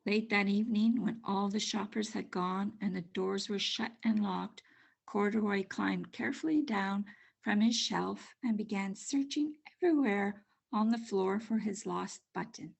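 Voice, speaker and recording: An older woman narrating a children's storybook aloud in an expressive, measured way. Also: mid-range voice, gravelly, husky. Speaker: storybook reader.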